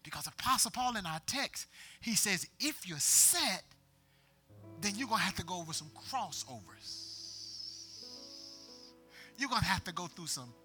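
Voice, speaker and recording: A man's voice: high-pitched, big pitch swings, normal speed, long pauses, soft background music. A middle-aged man pastor preaching a call-and-response sermon, urging the congregation to answer him and building to emphatic peaks. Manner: rising to emphatic, shouted peaks.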